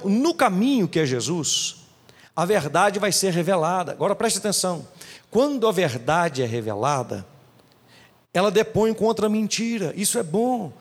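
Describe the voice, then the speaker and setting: A male pastor delivers an emphatic sermon, his voice riding high and swinging widely in pitch. He acts out little quotes along the way. The church hall adds a long, trailing reverb. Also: husky.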